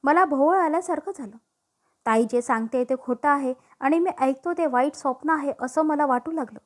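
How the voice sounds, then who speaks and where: A woman reads a scripted story aloud in a steady, even manner. Her voice sits high and light throughout. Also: normal speed.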